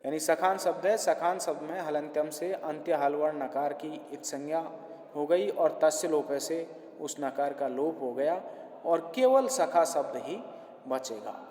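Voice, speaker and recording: A man's voice: on the high side, measured pace, dark tone. A male college lecturer explaining grammar rules in a classroom lecture, patiently repeating each point in simpler words. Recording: echoey hall.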